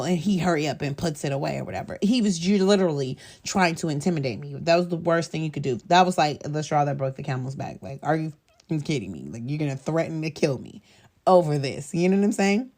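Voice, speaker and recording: A woman hosting a podcast, telling a personal story in a casual, candid way, animated and often laughing. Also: sits low. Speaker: podcast host.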